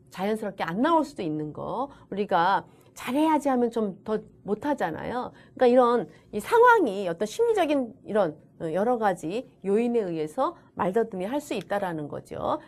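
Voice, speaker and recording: A woman giving a recorded online lecture in a chatty manner, often acting out what teachers and children say. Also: on the high side. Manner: chatty, lively, acts out children's and teachers' lines. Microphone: camera-recorded lecture.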